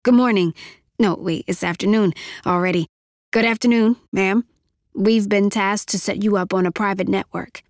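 A woman's voice: mid-range voice, steady tone, no echo, clean studio sound, lightly acted. A woman doing a chatty, breezy young man. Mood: cheerful, chatty. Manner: rapid running patter, upbeat and jokey. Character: tall thin chatty young man, breezy tech leader.

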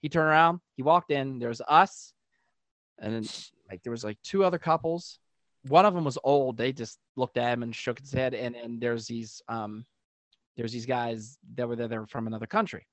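A man's voice: medium pitch, normal speed, no echo. A man on a podcast telling a long, rambling anecdote, acting out quoted voices. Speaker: podcast guest. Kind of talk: casual storytelling.

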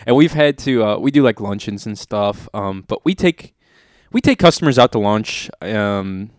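A man's voice: on the low side, lively intonation, normal speed, dry recording, clean studio sound. A man co-hosting a podcast, chatting casually in a laid-back way and swearing freely. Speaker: podcast co-host. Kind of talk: casual chat.

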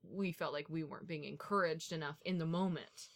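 A woman's voice: low-pitched, a little fast. A woman co-hosting a comedy podcast, joking in a playful, giggly way. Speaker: podcast co-host. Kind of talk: casual comedic chat.

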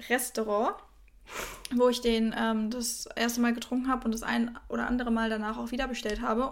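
Enthusiastic young woman gushing about food. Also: a little high. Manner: enthusiastic, gushes about food, mixes English words into her talk. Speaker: podcast co-host. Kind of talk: casual podcast chat.

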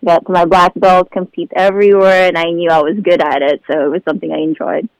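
A woman's voice: lowish voice, little pitch movement, fairly quick, dry recording, dull audio. A young woman from the Philippines chatting as a guest, talkative and loose, with many fillers and laughs. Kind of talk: casual chat.

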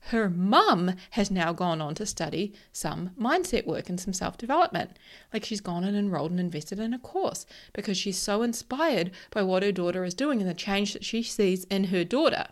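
A woman coach speaks in a broad New Zealand accent at an average pitch. She talks casually and emphatically, as in an informal motivational talk built on personal stories. Her language is loose and sweary, with frequent check-ins to the listener. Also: animated, moderate pace. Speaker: mindset coach and presenter.

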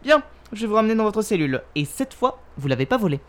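A man playing a deadpan, tactless police interrogator. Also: sits high, fast talker, heavy background noise. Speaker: interrogating officer. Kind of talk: comedy sketch acting.

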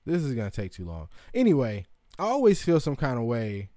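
A man's voice: medium pitch, wildly swooping pitch, a little fast, mellow, dry recording, clean studio sound. A young man hosting a casual comedic monologue, rambling and profane with lots of ums and asides. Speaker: show host.

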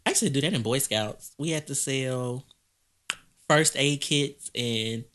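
A woman co-hosting a podcast, telling animated, profane stories in casual chat. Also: extremely low pitch, measured pace. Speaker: podcast co-host.

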